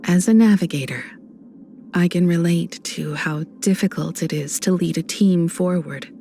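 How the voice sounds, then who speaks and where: An actress voicing Himeko, a graceful, composed and warm space navigator in a video game, with a poised, gently reassuring manner. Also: female voice, fairly low pitch, normal speed, slight background noise, close to an everyday voice. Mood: reflective, admiring. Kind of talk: polished game voice acting.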